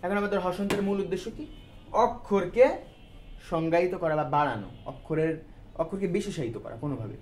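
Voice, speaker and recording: A man's voice: high-pitched, quick pace, darkish tone, faint music behind. A male teacher giving a grammar lesson to students, explaining step by step and asking questions that he answers himself, in a colloquial style with English words mixed in.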